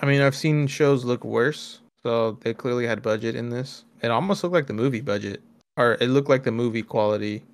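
A man's voice: mid-range voice, brisk, no echo. Blunt mocking man co-host. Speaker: podcast co-host. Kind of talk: casual group reaction chat.

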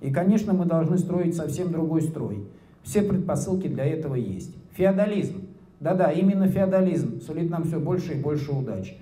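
A smug, cynical ruling official gives a mock-solemn speech to his colleagues, as a man reading his story puts him on. The voice is dark and mellow. It is heard through a handheld mic in a roomy, echoing hall. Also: fairly high pitch, expressive, moderate pace, close to an everyday voice.

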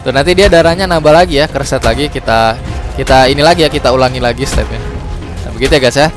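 In a relaxed game tutorial set to background music, a young host speaks at a medium pitch, cheerful and chatty. He leans on "guys" again and again, and when he fumbles he apologizes quickly and laughs at himself.

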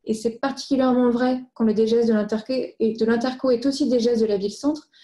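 A woman with a very soft, mellow, fairly high voice presents findings in a formal way. She keeps a steady tone and a quick pace while explaining things methodically, point by point.

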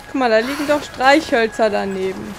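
A woman's voice: fairly high pitch, moderate pace. A woman giving casual gameplay commentary in a blunt, impatient, colloquial way. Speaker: let's player. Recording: clear background noise.

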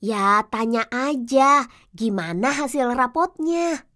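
A woman's voice: a little high, expressive, slow pace, bright, forceful tone, exaggerated voice. A woman voicing a playful, teasing young village boy in a children's TV drama. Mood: matter-of-fact.

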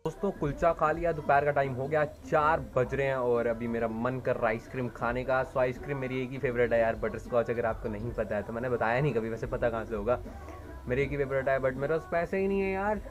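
A young Indian man in his 20s vlogs to the camera, chatting casually and playfully with viewers. His voice is medium-pitched and steady, and he talks a little fast.

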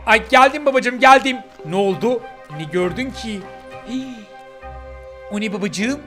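A man putting on a tiny ghost puppy girl, pitched up high and bright with a thin, piping tone. She whines and pleads in a childlike way, and soft game music runs faintly behind her. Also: expressive, measured pace, full character voice. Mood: whiny. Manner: pleading, childlike, calls him daddy. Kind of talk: voiced gameplay role-play.

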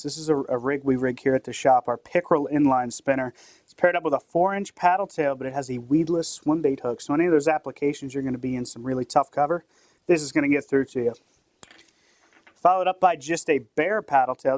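A man's voice: medium pitch, a little mellow, no echo. Young guy at a tackle shop explaining his fav lures, friendly, dry sound. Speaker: shop pro staff. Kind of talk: gear demonstration. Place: small tackle shop room, indoors.

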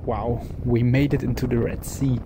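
A man narrating his travel vlog in an even, matter-of-fact voice-over. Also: medium pitch, normal speed, noisy background. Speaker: vlogger narrating his trip. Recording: voice-over with loud music behind.

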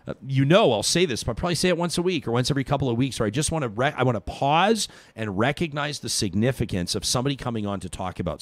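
A man in his forties hosts a live radio show from a studio, speaking close to a microphone in dry, dead sound. He is earnest and reflective and sometimes restarts his sentences. His pitch sits in the middle range. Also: no room sound. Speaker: radio talk show host. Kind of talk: live talk show interview and ad reads. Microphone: studio microphone with headphones.

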